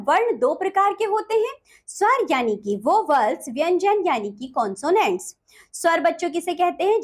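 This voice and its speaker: A woman with a high, lively voice teaches a grammar lesson to young children. She addresses them directly, asking and answering her own questions. She reads out letters one by one in a slow, sing-song drill.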